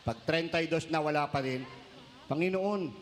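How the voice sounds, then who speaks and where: A man's voice: on the high side, fairly even intonation, fairly quick, long reverb tail, a little hiss or hum. A man preaching a humorous sermon as a priest, telling jokes and mixing Tagalog with English phrases. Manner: jokey storytelling, mixes Tagalog and English.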